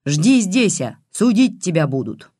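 A woman's voice: lowish voice, very animated, a little slow, dark tone, no room sound, studio quality. A reader voicing a furious one-eyed old village woman who scolds and curses shrilly. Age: older.

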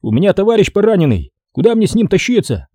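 A man voicing a cocky, coarse male adventurer who talks loudly and mockingly. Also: high voice, sing-song, fast talker, no room sound, clean studio sound, voice pushed up. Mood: brash. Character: brash rough-talking male adventurer, cocky.

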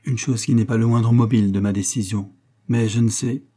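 This is an anxious young lover who asks earnest, searching questions and is unsure whether he is loved back, as a male narrator reads him in an audiobook. The voice is low and warm, with a slightly husky edge. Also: fairly even intonation, fairly quick, lightly acted. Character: anxious, lovesick young man.

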